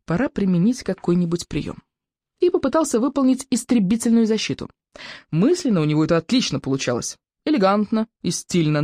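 A woman reading a children's adventure book aloud, playful and animated, her pitch rising and falling widely. The voice is recorded dry and close. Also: no echo. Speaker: audiobook narrator. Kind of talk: expressive audiobook narration.

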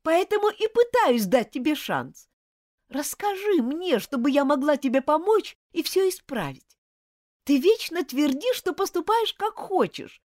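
A woman reading an audiobook, voicing a fiery schoolgirl monitor who is indignant and insistent, with shrill outbursts. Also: very animated, normal speed, no room sound, clean studio sound. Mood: pleading. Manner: shrill, pleading, loud outbursts.

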